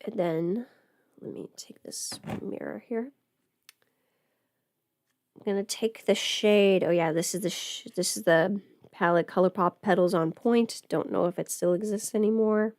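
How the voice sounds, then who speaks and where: A female livestreamer chats casually while doing her makeup, rambling off the cuff about getting ready and swearing a little. Her medium-pitched voice is a touch slow and mellow, and the sound is very dry with no echo.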